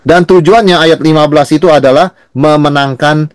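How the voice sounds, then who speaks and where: A man's voice: a little high, steady tone, normal speed, smooth, no echo, clean studio sound. A male pastor teaching a Bible study in a conversational way, often asking and answering his own questions. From Indonesia.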